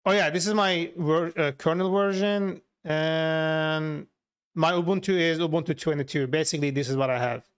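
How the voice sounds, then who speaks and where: Speaking at normal speed, he has a fairly high, clean-toned, steady voice. The native Turkish speaker from Turkey, a software developer, streams live with a Turkish accent, working and casually answering his viewers.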